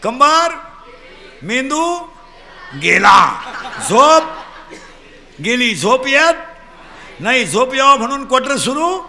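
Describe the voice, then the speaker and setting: A man from Maharashtra delivering a comic devotional sermon, loudly quizzing his audience and urging them to shout back answers. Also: very high-pitched, big pitch swings, slow pace, pauses often. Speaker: kirtan preacher.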